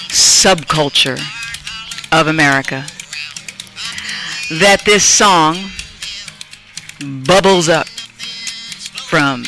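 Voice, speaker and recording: Slow, theatrical woman radio host over music. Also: low-pitched. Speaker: radio talk show host. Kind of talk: live talk show monologue.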